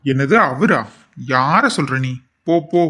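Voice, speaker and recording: A man's voice: mid-range voice, lively intonation, slow pace, sharp tone, heavily acted. A man voicing an angry, loyal young friend in a cartoon drama, scolding bluntly and grieving for an injured pal.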